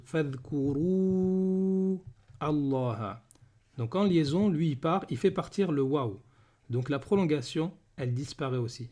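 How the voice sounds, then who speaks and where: A man teaching a beginners' reading lesson, patiently repeating each word slowly and checking understanding with frequent questions. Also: on the high side, a little mellow, breathy edge.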